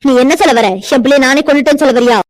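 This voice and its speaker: A woman voicing a harsh, scornful older widowed mother-in-law in a cartoon, loud and insulting. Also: sits high, fast talker, no echo, natural voice, poor audio. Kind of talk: cartoon voice acting.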